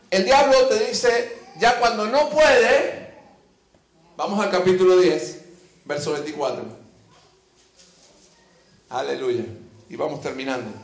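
A man preaches a sermon. He reads scripture and slips into the voices of its figures. The sound rings through a roomy church hall. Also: sits high. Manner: reads scripture then acts out the quoted figures.

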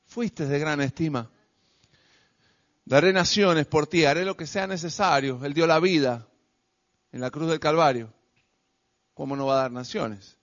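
A man preaching a sermon to a congregation, emphatic and repetitive, swinging between loud declarations and quiet, soft lines. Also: a little high, measured pace, pauses often. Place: church service with a congregation. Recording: dull lo-fi recording.

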